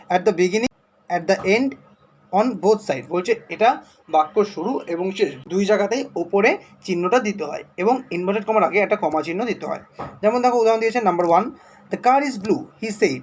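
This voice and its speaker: A man with a Bengali accent teaching a primary school English lesson, reading English examples slowly and then explaining them in Bengali. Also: high-pitched, slight background noise.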